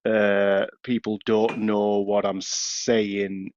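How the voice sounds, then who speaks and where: Rambling broad Yorkshire bloke. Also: male voice, on the low side, flat delivery, extremely slow, a little mellow, slight background noise. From Yorkshire, England. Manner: chatty, rambling storyteller. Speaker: podcast co-host. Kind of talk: casual pub-banter chat. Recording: dry, slightly dull podcast audio.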